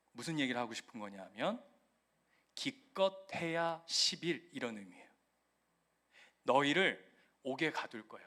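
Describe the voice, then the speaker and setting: A man preaches in a conversational way, often turning to ask the congregation questions. His voice sits high and carries a bright, ringing edge. Now and then he slips into a mocking voice to act out what others say. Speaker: pastor. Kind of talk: sermon.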